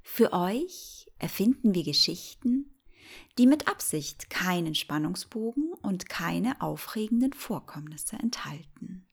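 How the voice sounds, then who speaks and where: Slow, low-voiced woman narrating sleep stories. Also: big pitch swings, creaky, slightly rough. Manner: soothing, gentle, unhurried sleep-story delivery. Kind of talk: slow, calm scripted bedtime-story narration.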